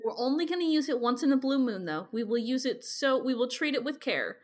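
A woman's voice: high-pitched, lively intonation, brisk. A woman co-hosting a podcast in casual, informal chat, peppering her sentences with "like". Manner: informal, uses like often. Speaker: podcast co-host.

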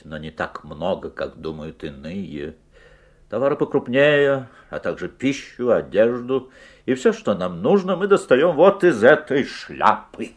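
In a radio play, an actor portrays an uncanny, teasing magic-shop salesman using a fairly low voice. His delivery is courteous, ingratiating, and theatrical.

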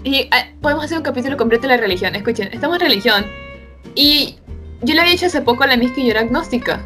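A young woman with a high, bright voice tells a funny story to her co-hosts, animated and laughing. Soft music plays faintly behind her. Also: rapid-fire. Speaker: podcast co-host. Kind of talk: casual storytelling chat.

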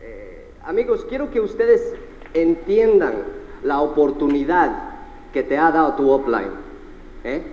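A man giving an energetic seminar speech to a live audience. He fires questions at the crowd, tags his lines with "eh?" and mixes in English words. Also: a little high, measured pace, highs cut off. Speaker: motivational speaker at a sales seminar. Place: large seminar hall. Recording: echoey hall with long reverb.

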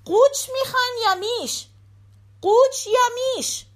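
A woman voicing Giske, a loud and foolish young man in a folk tale, shouting his lines high and loud. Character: loud foolish boy Giske, mistaken for the devil.

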